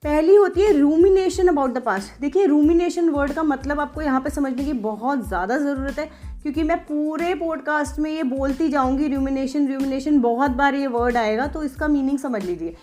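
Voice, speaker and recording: Woman, high-pitched, teacherly podcast talk, repeats points, faint music underneath. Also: normal speed, a little mellow. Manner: teacherly, repeats points with frequent check-ins; mixes English terms into Hindi. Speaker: podcast host, doctor. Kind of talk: explanatory self-help talk.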